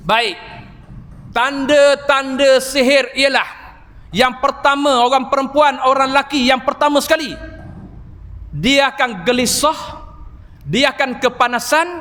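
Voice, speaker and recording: A man preaching an evening mosque sermon, telling stories with animated emphasis and exclamations. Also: very high voice, unhurried. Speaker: Islamic preacher and healer. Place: large mosque. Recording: reverberant mosque hall.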